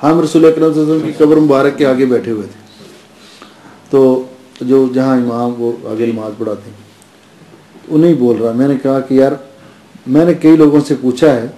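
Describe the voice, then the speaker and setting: Male preacher, lively storyteller with frequent chuckles; warm dark tone in a reverberant room. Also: medium pitch, pauses often. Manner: lively anecdotal telling, chuckles often. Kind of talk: storytelling sermon. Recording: roomy echoing lecture space.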